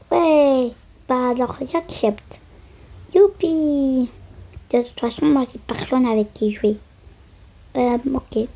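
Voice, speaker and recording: A woman acting out a doll-play story, switching quickly between the lively voices of many children and grown-ups. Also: sits high, husky. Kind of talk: acted-out doll play voicing many characters.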